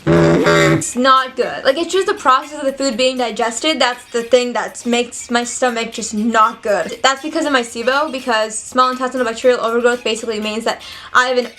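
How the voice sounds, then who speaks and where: High-voiced young woman vlogging candidly. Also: a little fast, bright, forceful tone, soft background music. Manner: candid, chatty and earnest. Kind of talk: casual Q&A vlog.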